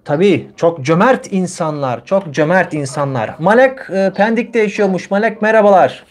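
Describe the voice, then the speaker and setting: A man's voice: high-pitched, expressive, normal speed. A man in his thirties hosting a conversational language lesson, using simple, repetitive phrasing for learners. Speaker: language teacher and livestream host. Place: small room indoors. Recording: clearly noisy livestream with clicks.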